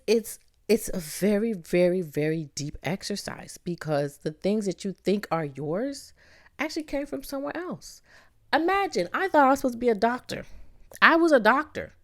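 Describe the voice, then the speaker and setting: A middle-aged woman from Barbados hosting a motivational podcast, talking in a lively, playful way and calling the listener "baby". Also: mid-range voice. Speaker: podcast host.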